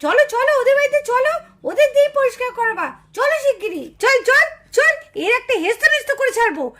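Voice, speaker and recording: A woman voicing a quarrelsome village mother in a doll show, scolding and shouting her complaints. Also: very high voice, expressive, fast. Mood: indignant. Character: shrill quarrelsome village mother, easily enraged.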